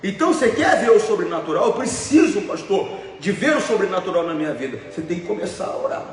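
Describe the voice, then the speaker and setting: A male pastor preaches in a high voice, telling stories and hammering his points home by repeating them. His voice carries from a distance across a large hall with a long, echoing reverb and a faint hum of ambience behind it. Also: big pitch swings, fast. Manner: emphatic storytelling with repetitions. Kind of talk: preaching sermon. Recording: echoey hall, voice from far off.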